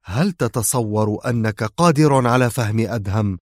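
A man voicing a defiant female spy held captive, sharp and sarcastic in her replies. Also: medium pitch, moderate pace, no room sound, clean studio sound, lightly acted.

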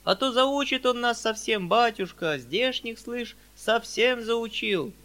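Humble village peasants, as a male reader acts them out wail and plead in slow, drawn-out cries. The voice climbs far above the reader's own and gets loud and bright. Their speech sounds plain and countrified. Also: very high-pitched, expressive, pitched above the performer's own voice, full character voice. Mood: plaintive. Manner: wailing, drawn-out, imploring.

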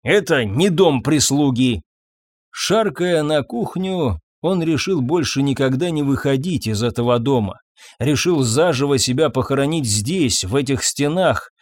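A man reads a story aloud at a measured, steady pace. His voice sits at an ordinary middle pitch for a man. The sound is close and dry, with no room around it. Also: dry recording. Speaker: narrator. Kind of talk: audiobook narration.

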